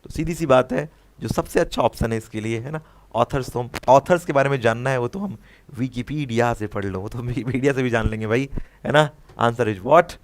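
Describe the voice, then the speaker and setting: A young Indian man, mid-pitched, teaches an exam-prep class online. He speaks with an Indian English accent, walks through each answer, and keeps checking in with his students. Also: brisk. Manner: explains answers, mixing Hindi with English phrases, often asks "है ना?".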